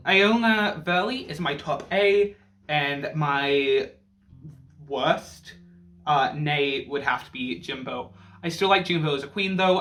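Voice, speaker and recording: A man's voice: a little high, bright, forceful tone. A man giving casual reaction and review commentary in a campy drag-queen manner, peppered with drag slang.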